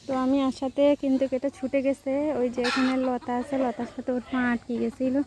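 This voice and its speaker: A woman's voice: high voice, little pitch movement, background noise. Chatty Bangladeshi woman vlogging outdoors. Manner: chatty, rambling, addresses viewers directly; speaks slowly and softly on purpose at times. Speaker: village vlogger. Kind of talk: casual vlog narration while gardening. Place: outdoors in a village vegetable garden.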